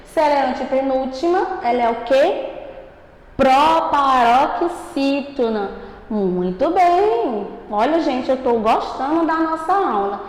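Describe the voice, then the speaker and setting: Slow, high-voiced teacher in an echoey room. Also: female voice, lively intonation, darkish tone. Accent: Brazilian Portuguese. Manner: slow, emphatic, stretches out syllables; asks questions and answers them for the class. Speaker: primary school teacher. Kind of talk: recorded remote grammar lesson for children. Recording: echoey room with long reverb.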